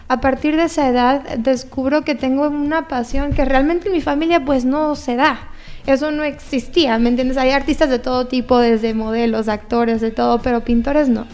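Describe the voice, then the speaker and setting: Guest painter, woman, high voice, chatty and upbeat. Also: a little mellow. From born in the US, raised in Mexico. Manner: chatty and enthusiastic, laughs often. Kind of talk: casual interview.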